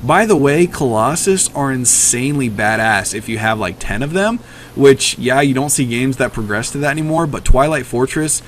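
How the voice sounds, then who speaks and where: A man's voice: medium pitch, lively intonation, normal speed, a little hiss or hum. A very tired man casually commenting on a replay of his own match late at night, rambling with many ums and uhs.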